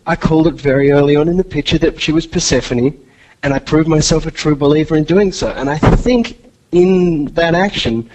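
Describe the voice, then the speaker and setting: A man's voice: a little high, darkish tone, lightly acted, poor audio. An actor with an Australian accent playing a boastful masked male ninja guest on a comedy podcast. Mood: cocky. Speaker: interview guest. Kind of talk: comic podcast character interview.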